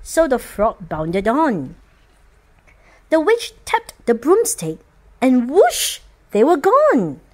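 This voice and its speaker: Slow, sing-song woman reading a picture book. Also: sits high. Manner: expressive, sing-song, rhyming cadence. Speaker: storyteller for children.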